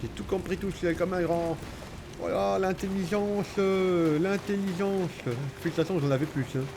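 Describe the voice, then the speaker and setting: A man with a high voice, fairly even intonation, and vocal fry talks at normal speed over background noise. He's a gamer playing through a game, giving casual let's-play commentary that's sarcastic and joking as he talks to himself and the on-screen enemies.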